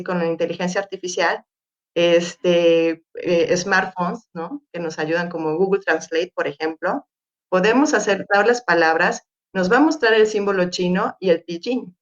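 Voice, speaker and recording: A woman's voice: on the low side, muffled recording. A woman with a Mexican Spanish accent presenting slides at an academic forum, hesitant, with many fillers and restarts, over a video call.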